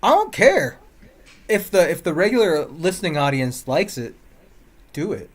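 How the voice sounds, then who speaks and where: A man's voice: fairly high pitch, normal speed, husky. A man co-hosting a music podcast, joking in casual chat and humming riffs. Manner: joking, animated, hums riffs. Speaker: podcast co-host.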